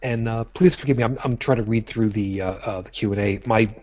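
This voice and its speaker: A podcast co-host from Brooklyn, New York, chats casually on a live show, blunt, jokey and profane, with many restarts. His voice is fairly low and brisk, the recording has its highs cut off, and the background is noisy.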